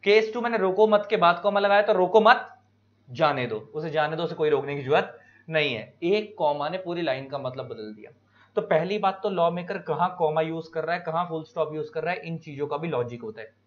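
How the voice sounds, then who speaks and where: An Indian man lecturing students, explaining each point slowly with examples and stretching key words. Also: on the high side, lively intonation. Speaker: teacher. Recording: dull lo-fi recording.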